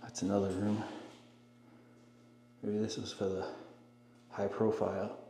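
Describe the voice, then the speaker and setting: A man with a low, fairly monotone voice walks through an abandoned hospital and narrates what he finds. He talks casually and hesitantly, with plenty of ums and likes. The handheld recording carries a steady hiss of noise. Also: unhurried. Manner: casual, hesitant, pointing things out with fillers. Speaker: urban explorer vlogger. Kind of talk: walkthrough narration.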